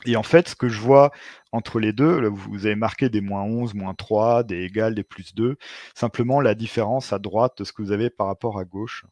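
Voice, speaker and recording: Male webinar presenter, lowish voice, dry sound, hesitant informal explainer with lots of filler sounds. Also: moderate pace, darkish tone, no echo. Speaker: SEO expert presenting a webinar.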